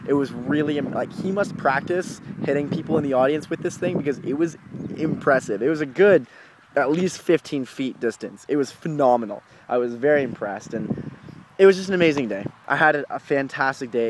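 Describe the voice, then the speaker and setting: A young man co-hosting a casual vlog, telling a rambling, excitable story. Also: mid-range voice, noisy background. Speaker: co-host.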